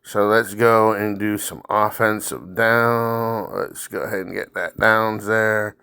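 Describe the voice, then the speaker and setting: Male gamer, slow-talking and fairly low-voiced, blunt and instructive, casual walkthrough style in a dry close sound. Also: steady tone, vocal fry, sharp tone, clean tone, no room sound. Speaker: gamer commentating on own gameplay. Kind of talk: casual mobile game walkthrough commentary.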